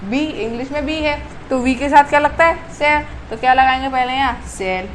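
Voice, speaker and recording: A woman, her voice sitting high, walks through a grammar lesson. She fires off questions and answers them herself, catching and fixing her own slips. A faint background noise runs under her voice. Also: moderate pace, rough recording. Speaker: English grammar teacher. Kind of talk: classroom-style grammar lesson.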